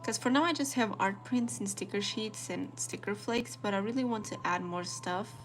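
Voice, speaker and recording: A woman's voice: mid-range voice, moderate pace, slight background noise. A young woman from Portugal with a Portuguese accent, chatting casually to viewers while she draws a planner spread. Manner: chatty, relaxed, talks to viewers while drawing. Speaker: planner artist and vlogger. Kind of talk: casual live-stream chat while journaling.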